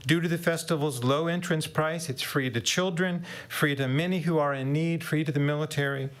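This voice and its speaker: An older man reads a prepared statement aloud at a public hearing. His voice sits a little high for a man, and he reads at a steady, measured pace. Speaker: public commenter.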